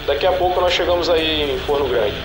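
A man's voice: on the high side, a little fast, reverberant, music in the background, poor audio. Man calling in over walkie-talkie. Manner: clipped radio call-outs. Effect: over a walkie-talkie radio. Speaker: expedition team member.

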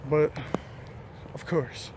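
A man's voice: very slow, darkish tone, slight background noise. A young man vlogging in casual chat, out of breath, rambling and repeating himself constantly.

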